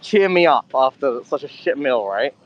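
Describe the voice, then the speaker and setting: A man's voice: mid-range voice, animated, moderate pace. Swearing guy rambling over a muffled line. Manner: swears a lot, rambling storytelling. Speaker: co-host of a live audio chat. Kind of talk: casual chat. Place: convenience store.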